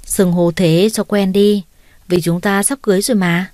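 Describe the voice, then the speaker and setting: A caring young man in an audio story, gentle and reassuring with his fiancée. A woman voices him plainly. The sound is dry and close. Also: mid-range voice, steady tone, normal speed, dry recording, close to an everyday voice. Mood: tender. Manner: reassuring, affectionate.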